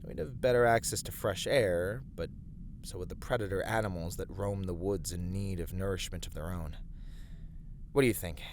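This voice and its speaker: In a scripted ASMR fantasy roleplay aimed at the listener, a voice actor plays a steadfast male adventurer, speaking in a lowish, darkish voice with measured, slightly formal phrasing as he encourages and plans. His mood is thoughtful and deliberative, and clear ambience plays behind him along with a little hiss or hum.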